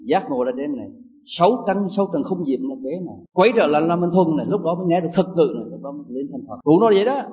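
A man, a Buddhist monk teaching a Dharma class with quiz questions, animated and emphatic, swinging between loud and soft. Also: on the high side. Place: lecture hall with an audience. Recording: distant, muffled lo-fi recording.

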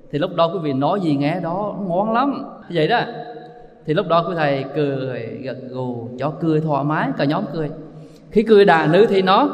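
A man, a Buddhist monk teacher, giving a folksy dharma talk that tells stories and speaks straight to the listeners. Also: a little high. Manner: folksy storytelling, addresses listeners as quý vị. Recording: long hall reverb.

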